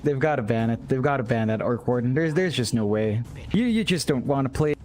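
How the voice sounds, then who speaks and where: A man casting an esports match, giving quick analytical draft commentary with stammered restarts. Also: mid-range voice, animated. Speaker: esports caster.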